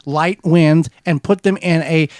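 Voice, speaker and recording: Brief: male radio co-host, slightly high voice, dry studio sound, patient how-to explainer. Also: measured pace, dry recording. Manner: steady, methodical how-to explaining with small restarts. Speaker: co-host of a gardening radio show.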